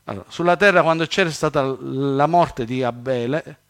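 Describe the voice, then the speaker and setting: A slightly high-voiced man delivers a sermon. He preaches with animated swings, rising loud on quoted scripture and dropping low for quick asides.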